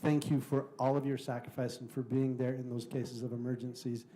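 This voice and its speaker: A man on the council giving earnest, measured thanks to police officers. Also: medium pitch, flat delivery, noisy background. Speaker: council member. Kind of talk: formal thank-you remarks. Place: council meeting room.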